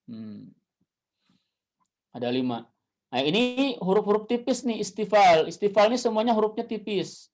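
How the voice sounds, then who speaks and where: A man with an Indonesian accent teaching Quran recitation, chanting Arabic verses slowly and then explaining them, asking questions and answering them himself. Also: high-pitched, animated. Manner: repeats key points and asks himself questions. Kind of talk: classroom lesson on Quran recitation. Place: classroom with a whiteboard.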